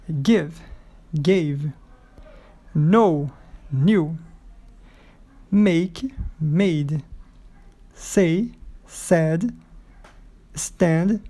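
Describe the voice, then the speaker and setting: Mellow Brazilian English teacher. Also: medium pitch. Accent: Brazilian Portuguese. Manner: patient, step-by-step explaining with frequent "né?" checks. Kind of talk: recorded lesson, correcting exercises.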